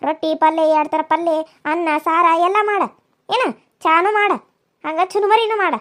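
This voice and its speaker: A woman voicing a domineering older village mother-in-law, who scolds and taunts slowly. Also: extremely high pitch, fairly bright tone, dry recording, studio quality. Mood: commanding. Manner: scolding, insulting, drawn-out taunts. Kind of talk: cartoon voice acting.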